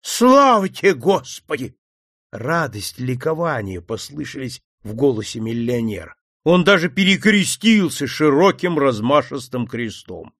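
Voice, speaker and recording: A man reading a classic detective story aloud in an expressive, theatrical way. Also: mid-range voice, moderate pace, dry recording, studio quality. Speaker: narrator.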